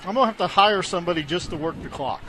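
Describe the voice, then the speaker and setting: Man, color commentator on a local football stream, fairly high voice, jokey banter. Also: lively intonation, racing, sharp tone, low-quality recording. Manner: joking banter with co-hosts.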